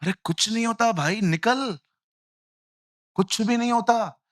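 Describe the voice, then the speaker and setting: A man preaching a lively sermon in Hindi mixed with English phrases, telling stories and acting out the voices in them. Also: sits high, slow, no room sound, clean studio sound. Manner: animated storytelling, acts out quoted voices, jokey asides.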